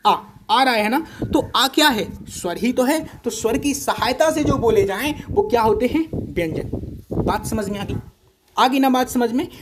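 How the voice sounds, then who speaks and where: A man's voice: very high voice, slight background noise. A male teacher giving an exam-prep lesson, patiently repeating syllables and checking often that the class understands.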